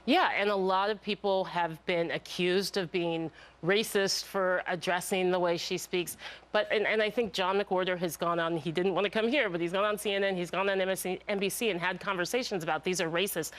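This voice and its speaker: A woman's voice: fairly low pitch, steady tone, fairly quick, fairly bright tone. A woman speaking as a political commentator in a live TV debate, firm and emphatic, building her points in lists. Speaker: political strategist, debate guest.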